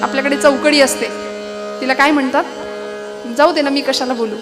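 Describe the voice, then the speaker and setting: This high-pitched woman preacher speaks fairly quickly over music as she narrates an epic tale during a devotional kirtan. She keeps things lively, tossing rhetorical questions and side remarks to the audience.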